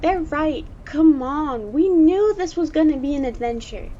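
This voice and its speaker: A woman voicing an eager, bold young monster boy in an audio drama, excitable and casual. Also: high voice, measured pace. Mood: eager, urgent. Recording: dull lo-fi, faint noise.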